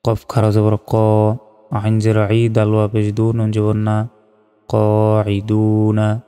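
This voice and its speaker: A man teaching Quran reading, methodically spelling out each syllable and then reciting the verses in slow, drawn-out phrases. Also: lowish voice, monotone, warm tone, smooth. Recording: long reverb, faint background music.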